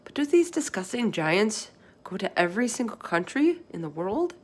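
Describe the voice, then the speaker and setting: A woman's voice: mid-range voice, very animated, moderate pace, pitched above the performer's own voice. Curious, kind little girl from a storybook, read by a woman, proper, earnest and questioning. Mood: appalled, curious. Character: young girl, curious, shocked, polite and kind.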